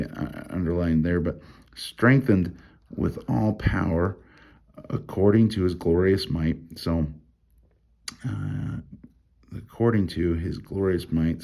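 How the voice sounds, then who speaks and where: A man with a low, deep voice and a gravelly edge walks through a Bible passage in a relaxed, unscripted way. He reads the verses aloud, then muses over them, pausing often and restarting his sentences as he thinks. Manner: reads scripture aloud between comments. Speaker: Bible study teacher. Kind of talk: casual Bible study walkthrough.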